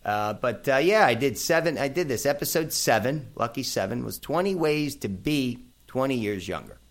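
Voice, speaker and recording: Brash fifty-something New York radio host. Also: male voice, mid-range voice, moderate pace. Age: 50s. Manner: brash and animated, addressing listeners as folks. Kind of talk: casual talk radio banter. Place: radio studio.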